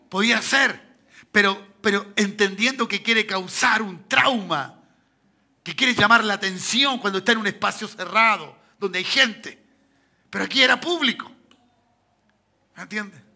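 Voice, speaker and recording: A man with a Chilean accent, a pastor preaching a sermon full of rhetorical questions to the congregation, with sudden shouted bursts. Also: sits high. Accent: Chilean Spanish.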